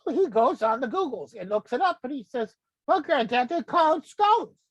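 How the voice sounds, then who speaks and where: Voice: sits high, sing-song, normal speed, husky, no room sound, lo-fi sound, heavily acted. A performer playing a rambling, confused elderly grandfather who tells a folksy comic story full of digressions. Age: older. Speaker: comedic host character. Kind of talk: comic monologue.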